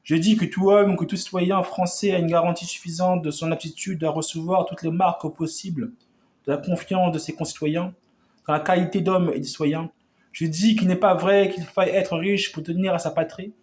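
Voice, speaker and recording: A man's voice: sits high, fairly even intonation, normal speed, darkish tone. A man declaiming a historic revolutionary speech in an oratorical manner, often stumbling and restarting his words.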